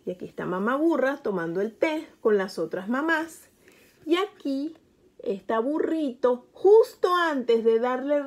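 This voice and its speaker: Woman storyteller, kids' picture-book reading, gentle, talks to the child, fairly high voice. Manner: gentle, speaks to the child listener.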